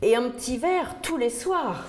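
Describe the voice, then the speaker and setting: A woman voicing a shy, mischievous centenarian woman, speaking softly and savoring each word. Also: a little high, very animated, measured pace, slight background noise, pitched above the performer's own voice. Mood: wistful. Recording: roomy echo.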